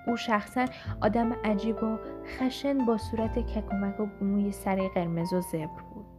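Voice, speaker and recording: A woman narrator giving an audiobook reading in a measured storytelling manner. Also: mid-range voice, fairly even intonation. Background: background music.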